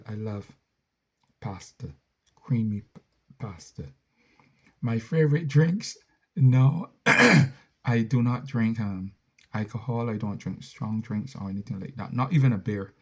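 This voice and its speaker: Here a content creator, middle-aged and Barbadian-accented, casually fields questions from viewers, wandering and self-correcting as he goes. He speaks at medium pitch with a somewhat dark tone.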